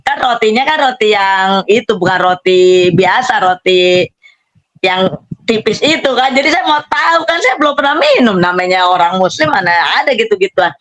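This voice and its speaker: A woman's voice: mid-range voice, animated, moderate pace, a bit bright. A middle-aged woman, animatedly telling her own story in a casual spoken testimony and acting out the dialogue. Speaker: testimony speaker.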